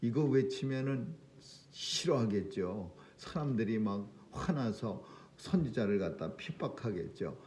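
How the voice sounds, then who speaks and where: A man's voice: fairly low pitch, animated, measured pace, darkish tone, a little hiss or hum. A man preaching an early-morning prayer sermon in an earnest way, pushing his key phrases up with emphasis and often restarting his sentences. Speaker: pastor.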